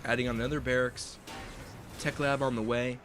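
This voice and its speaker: A man's voice: mid-range voice, flat delivery, brisk, fairly bright tone, slight background noise. A young man giving play-by-play commentary on a strategy game, speculating on each move as it happens. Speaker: esports caster.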